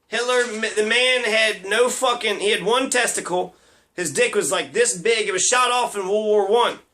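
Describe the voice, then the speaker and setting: A man with a noticeably high voice delivers a loose, profane rant. He rambles from point to point with a sarcastic edge and swears constantly. He laughs at his own jokes as he goes. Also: bright, forceful tone. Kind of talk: profane ranting monologue.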